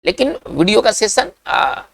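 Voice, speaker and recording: A woman teaching English vocabulary in an online lesson. She explains patiently, often checks that the viewer is following, and slows right down to dictate the example sentences. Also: mid-range voice, big pitch swings, gravelly, no echo, clean studio sound.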